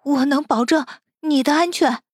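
A woman's voice: high-pitched, moderate pace, no echo, clean studio sound, voice pushed up, close to an everyday voice. A woman voicing a frightened young woman held captive, pleading desperately.

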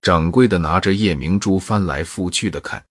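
A man narrates a folk tale in a steady, even way. His voice is low and husky. The sound is dry and close. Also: normal speed, no echo. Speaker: storyteller.

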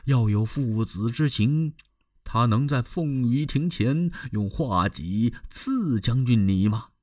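A man voicing a cautious, scheming elderly court minister in a traditional storytelling performance, speaking slowly and persuasively in a hushed tone. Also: medium pitch, lively intonation, no room sound, studio quality.

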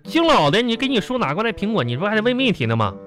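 A man's voice: sits high, sing-song, rapid-fire. A man playing a boastful, rambling older classmate. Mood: bluffing. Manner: bluffing, rambling, stammering. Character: boastful older male classmate, ten years senior. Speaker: radio comedy host. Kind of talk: live radio sketch comedy. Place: radio studio. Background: music.

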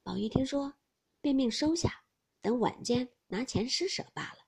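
A woman narrating a classic novel as an audiobook, with expressive, rhythmic phrasing. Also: sits high, normal speed, creaky, slightly rough. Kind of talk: storytelling reading of a classic novel.

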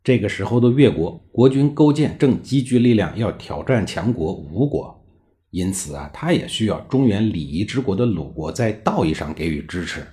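A man narrating history as a chatty storyteller who drops in colloquial drawn-out particles. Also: fairly low pitch, expressive, mellow.

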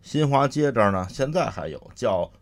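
A man's voice: mid-range voice, lively intonation, normal speed. A man with a Beijing accent performing solo comic storytelling, chatty, with explanatory asides to listeners. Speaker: solo crosstalk comedian.

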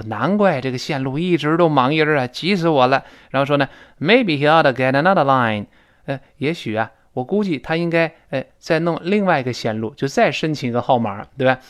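Male English teacher, mid-pitched voice, animated classroom delivery, drills pronunciation with drawn-out repeats. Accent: Mandarin Chinese. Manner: repeats words slowly, often drawn out, to demonstrate; lively, frequent pitch jumps for emphasis. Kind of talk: spoken English lesson explaining pronunciation.

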